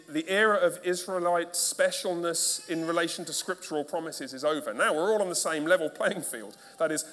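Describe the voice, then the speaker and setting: A man's voice: fairly high pitch, fairly bright tone. Emphatic male pastor preaching in a reverberant hall. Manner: emphatic, with repeated rhetorical questions. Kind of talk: sermon. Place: church.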